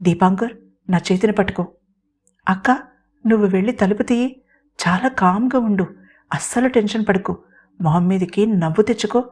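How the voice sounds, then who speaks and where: Woman voicing a sharp-tongued scheming young woman. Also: medium pitch, close to an everyday voice. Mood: bossy teasing. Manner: bossy, rapid, scolding.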